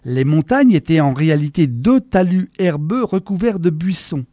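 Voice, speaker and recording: A man reading a story aloud in a measured, expressive storytelling manner. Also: high voice, no echo, studio quality. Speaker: narrator.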